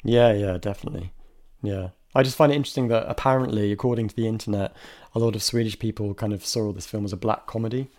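Speaking fast in a lowish, somewhat mellow voice with fairly level intonation, this film podcast co-host keeps the movie talk casual. He's talkative and reflective, hedging and restarting a lot, with occasional bursts of laughter.

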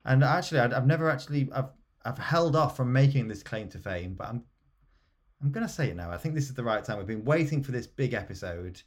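A man's voice: mid-range voice, animated, brisk. Man co-hosting a music podcast. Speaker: podcast co-host. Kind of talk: casual music chat.

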